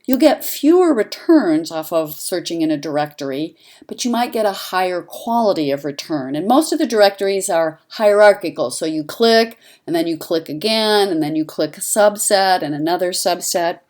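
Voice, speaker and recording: A woman with a slightly low voice talks through an online lesson like an instructor guiding students. She speaks clearly and conversationally, and her pitch jumps up for emphasis on key points. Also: expressive, normal speed, hardly any pauses, a little mellow. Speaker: journalism instructor. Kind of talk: instructional voice-over narration.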